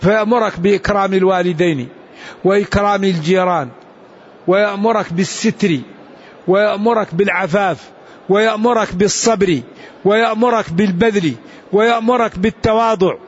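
A man teaching a religious lesson in an explanatory, unhurried way, restarting and adding asides. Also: sits high, lo-fi sound. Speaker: Islamic scholar.

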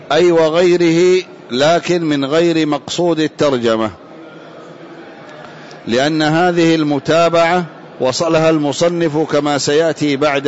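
A man reading a classical commentary aloud in a lesson, measured and formal, with careful vowelling, in a muffled lo-fi recording. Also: fairly high pitch, slight background noise. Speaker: student reading the text aloud.

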